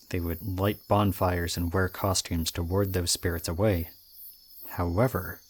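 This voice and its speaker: A young adult man with a low, darkish voice acts out a strange yet charming young student in an audio roleplay. There's a creepy intensity beneath his casual, hesitant way of talking to the listener.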